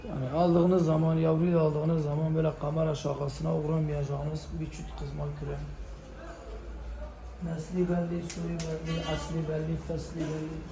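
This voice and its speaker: Echoey man giving a flat auctioneer-style pitch. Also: normal speed. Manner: repetitive, listing short phrases. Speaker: pigeon auction seller presenting birds. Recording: echoey room, clear background noise.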